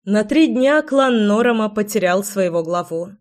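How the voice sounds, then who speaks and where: Female audiobook narrator, steady dramatic reading. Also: medium pitch, moderate pace. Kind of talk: scripted narration.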